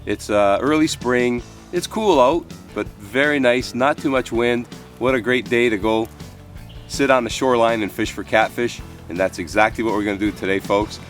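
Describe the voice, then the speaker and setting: Standing on a creek bank, a fifty-something fishing show host talks to the camera in a medium-pitched voice that's slightly stuffy from a cold. His manner is chatty and folksy, full of relaxed "uh"s, and he keeps addressing viewers as "folks."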